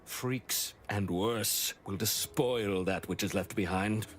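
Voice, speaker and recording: A man's voice: on the low side, slow, slight background noise. An actor playing a pompous, defeated male commander in a video game, lamenting in formal, florid language and blaming himself. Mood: grandiose despair. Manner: formal, florid, grandiloquent, theatrically self-blaming. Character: pompous, defeated male commander mourning his doomed island. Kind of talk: scripted video game dialogue.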